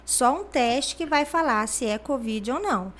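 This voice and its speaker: A Brazilian woman with a somewhat high, animated, slightly bright voice talks at a moderate pace. A regional health superintendent appearing as a guest, she explains things in an interview, using plenty of fillers like "né" and acting out the people she quotes.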